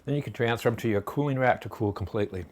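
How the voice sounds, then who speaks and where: A man's voice: medium pitch, rapid-fire. A man casually demonstrating a recipe in his home kitchen, chatty and folksy, rambling between steps. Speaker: home cooking vlogger.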